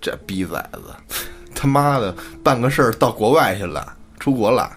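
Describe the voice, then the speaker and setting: Brief: short-fused swearing uncle, put on by a male storyteller, low-pitched. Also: a little fast, close to an everyday voice. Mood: angry. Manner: cursing, scolding. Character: angry rural uncle, middle-aged man, hot-tempered.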